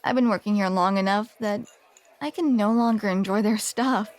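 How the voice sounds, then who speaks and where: Here the woman uses a medium pitch and only light acting for her ASMR roleplay as a grumpy, flustered tsundere barista with a hidden soft side. She sounds awkwardly keen, sardonic and self-deprecating, stumbling as she speaks.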